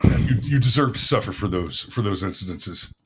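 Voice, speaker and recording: A man's voice: on the low side, lively intonation, normal speed, a little hiss or hum. A man hosting a casual talk show, giving opinions emphatically and repeating phrases for effect.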